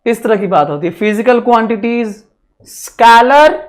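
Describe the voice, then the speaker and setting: Male physics teacher, lecturing slowly, repeats himself, quizzes and dictates to the class. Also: extremely high pitch. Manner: repeats phrases, mixing English terms into Hindi; asks the class questions and dictates notes. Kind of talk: classroom lecture for exam students.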